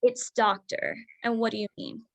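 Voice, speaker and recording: In a contemporary drama reading, a woman plays an overworked doctor mom who is brisk, proud, quick to push back and insistent about what she wants. Her fairly high voice has a level, creaky, fairly bright tone, and the recording quality is low.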